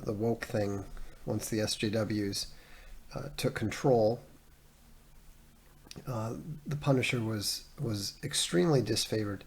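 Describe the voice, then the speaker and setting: Gravelly, husky male livestream host. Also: lowish voice. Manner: rambling, frequent fillers and restarts. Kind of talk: casual solo livestream talk.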